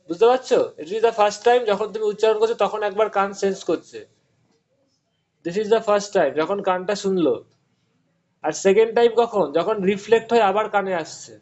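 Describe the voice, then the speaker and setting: A man with a high-pitched voice teaches physics over an online call, working through each idea slowly and asking his students questions along the way. The sound is dull and lo-fi, as from a call line. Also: a little mellow. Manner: explains step by step, quizzing students. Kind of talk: online class explanation.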